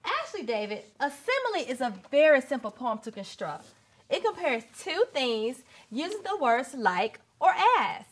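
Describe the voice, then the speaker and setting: A woman's voice: high-pitched, very animated, normal speed. A woman playing an encouraging poetry teacher on a children's show, in a broad singsong delivery. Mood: upbeat, teaching. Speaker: teacher, show's star. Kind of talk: scripted children's show acting. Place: indoor TV studio set, light music behind.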